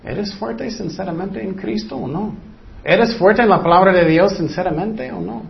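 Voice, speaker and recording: A man's voice: high-pitched, moderate pace, vocal fry, lo-fi sound. A man preaching a sermon who keeps putting questions to his listeners and repeats phrases for emphasis.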